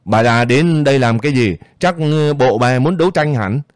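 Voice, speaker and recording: A man's voice: mid-range voice, moderate pace, no room sound, clean studio sound, lightly acted. A man voicing a brutal, bullying soldier officer who barks orders with contempt, in a storybook reading. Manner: barking, contemptuous.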